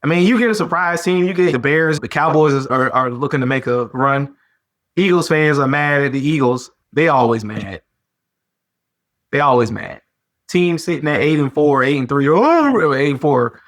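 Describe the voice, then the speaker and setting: A man hosting a sports podcast, talking in a casual, animated way with slang and lots of repetition. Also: on the high side, normal speed. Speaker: podcast host.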